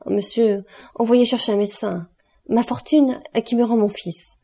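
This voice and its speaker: A woman's voice: medium pitch, steady tone, normal speed, mellow, slightly rough, lightly acted. A woman reading an audiobook and voicing an anxious, effusive aristocratic mother. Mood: pleading.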